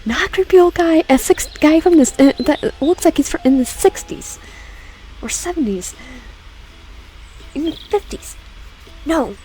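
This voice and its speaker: Her high-pitched voice is expressive and warm as she reads a horror visual novel aloud, often stumbling and starting again, and she mixes in chatty asides to viewers. She's a young adult woman who makes gaming YouTube videos, and there's a bit of hiss or hum.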